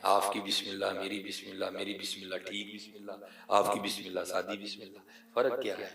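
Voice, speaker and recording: A man delivers an emotional sermon as a storyteller, building emphasis through repeated phrases. His voice is low and gravelly. The recording has a roomy echo and catches him from some distance off. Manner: animated storyteller, repeats phrases for emphasis, swings from quiet to loud. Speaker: preacher. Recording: echoey room, voice from far off.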